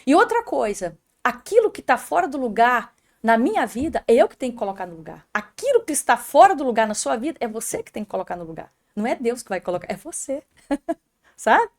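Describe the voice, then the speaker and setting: Uma mulher com sotaque brasileiro, convidada de um podcast, contando um testemunho de fé com emoção e chamando o apresentador pelo nome. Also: female voice, fairly high pitch, big pitch swings, a little fast. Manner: emotional storytelling, often addressing the host by name. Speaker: podcast guest. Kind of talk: faith testimony in an interview.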